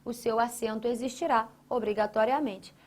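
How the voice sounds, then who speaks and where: Emphatic higher-pitched woman teaching grammar. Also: steady tone, moderate pace, a little mellow. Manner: emphatic, asks and answers her own questions; addresses a student by name, repeats key phrases. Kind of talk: recorded grammar lesson.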